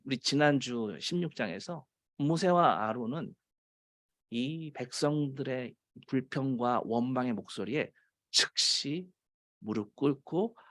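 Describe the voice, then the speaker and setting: A Korean man preaching a sermon as pastor, rising to emphatic lines and dropping to low, quiet asides, stretching out key phrases.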